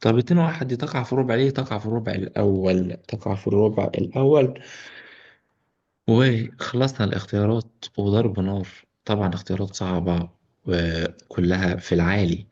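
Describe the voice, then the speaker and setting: Speaking a little fast in a lowish, dark voice, this Egyptian-accented man teaches math by walking students through exam solutions and cracking jokes along the way. The audio is dull.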